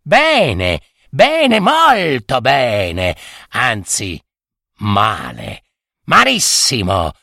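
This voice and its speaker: A man voicing a cunning red-haired witch who talks in a teasing, sing-song, drawn-out way. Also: mid-range voice, huge pitch swings, vocal fry, pushed and bright, dry recording, clean studio sound, exaggerated voice.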